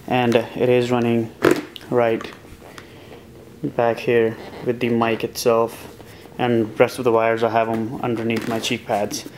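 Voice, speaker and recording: A young motovlogger sits in a small home office, casually walking through his helmet gear in a vlog. He speaks at a measured pace in a medium-pitched voice, relaxed and rambling with plenty of uh and um fillers. The recording is low quality, with slight background noise.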